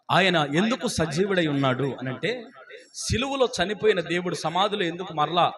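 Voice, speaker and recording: A man preaching a fervent sermon as pastor, calling out hallelujah and acting out the voices in his stories. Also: a little high. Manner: fervent, calls out hallelujah, acts out quotes. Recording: live church service with congregation. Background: congregation.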